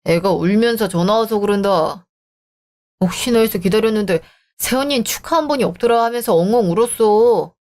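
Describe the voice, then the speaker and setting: A woman's voice: medium pitch, fairly quick, darkish tone, lightly acted. A woman voicing a selfish young married man who talks in a dismissive, irritated way, in a dramatized story. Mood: scornful.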